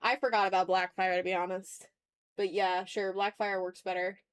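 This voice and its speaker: A woman chats casually on an art livestream as she draws, reading out viewer comments in an informal, rambling way with some swearing and self-deprecating jokes. Her mid-range voice is flat and moderately paced, and the sound is smooth with no echo.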